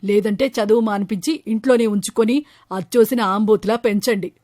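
Brief: woman playing a cross male village teacher, mellow low voice, dry sound, scolding storybook figure. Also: steady tone, fairly quick, no echo, close to an everyday voice. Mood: angry scolding. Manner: scolding, indignant. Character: stern angry male village schoolteacher.

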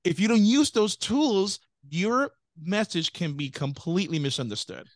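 A man's voice: high voice, animated, normal speed, no room sound, clean studio sound. A man co-hosting a business podcast in casual chat, rambling and interrupting himself with tangents. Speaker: podcast co-host.

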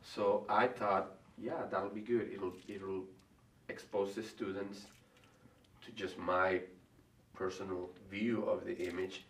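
The speaker is a middle-aged artist on a college faculty, deep-voiced with little pitch movement and a Venezuelan Spanish accent. He answers interview questions reflectively, hesitating, pausing and starting over frequently. The recording, made by a far camera in a room with a large painting behind him, is echoey with faint hiss.

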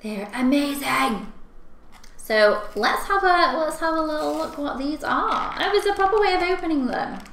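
A young woman with a fairly high, very animated voice chats casually while eating candy and snacks. She reacts expressively to what she tastes. The recording is made in an echoey room at home. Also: normal speed. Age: young adult. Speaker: video host. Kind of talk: casual taste-test chat to camera. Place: small furnished room at home, indoors. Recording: echoey room, clear background noise.

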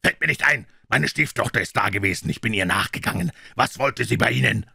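A male reader voicing a huge, brutish older country doctor who shouts insults and threats in a raised voice. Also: deep voice, normal speed, gravelly, slightly rough, no room sound, studio quality, heavily acted. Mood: furious. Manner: shouting, insolent and menacing.

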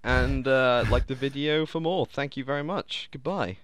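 Guy hosting a horror game w/ his mate, bright tense voice, jumpy, yells when scared. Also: medium pitch, moderate pace, a little hiss or hum. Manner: jumpy, laughing, shouts when startled. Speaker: gaming channel host. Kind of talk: casual co-op gameplay banter.

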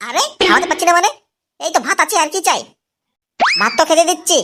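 An actor does exaggerated comedy cartoon voice work as an irritable, lazy husband who grumbles, swears and shrugs things off, sounding irritated and dismissive. The voice is very high, expressive and fast. The recording is very noisy.

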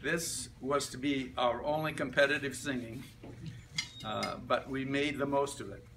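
Recorded by a room mic on a camera a few metres off, amid background noise, a club member in his 70s or 80s reads his reminiscences aloud to the group. His medium-pitched voice is creaky and fairly even, and he halts between short phrases in the medium-sized meeting room.

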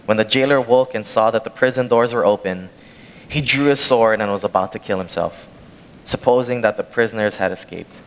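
A young man from Hawaii preaching a sermon in a large church sanctuary, reading scripture and then telling a personal story in a plain conversational way as he walks the stage with a handheld mic. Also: on the low side. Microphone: handheld microphone from a far camera. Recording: long church hall reverb, faint noise.

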